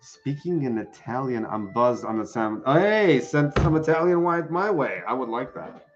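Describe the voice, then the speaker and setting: A man's voice: medium pitch, expressive, moderate pace, muffled recording, faint music behind. A man doing a live-streamed tarot reading, chatting with viewers and answering the chat. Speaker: tarot reader.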